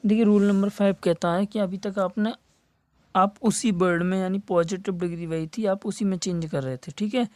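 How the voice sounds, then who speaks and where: Mellow-voiced male teacher spelling words out. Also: high-pitched, fairly even intonation, dry recording. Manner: spells words letter by letter and repeats key terms; stretches words slowly for emphasis. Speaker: English teacher for competitive exams. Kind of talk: classroom lesson.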